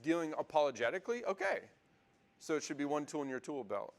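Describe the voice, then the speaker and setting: A man's voice: on the high side, very animated, fast talker. Casual male Bible teacher lecturing a class. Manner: conversational, many fillers and restarts, asks the class questions.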